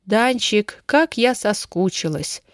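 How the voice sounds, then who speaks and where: A woman voicing an older, affectionate and excitable grandmother who asks eager questions. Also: medium pitch, slow pace, no room sound, studio quality.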